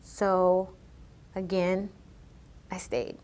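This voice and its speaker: A woman speaks in a news interview, recounting her own experience in a soft, emotional voice. She often falls quiet, her words sinking low and subdued as she tells her story. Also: level tone, drawn-out words. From United States. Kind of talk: personal account in a news interview.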